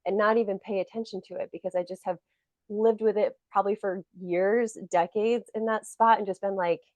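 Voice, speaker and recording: A woman's voice: mid-range voice, fairly even intonation, brisk, a little mellow, dry recording. A woman co-hosting a podcast in casual chat, rambling with lots of "like" fillers. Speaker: podcast co-host.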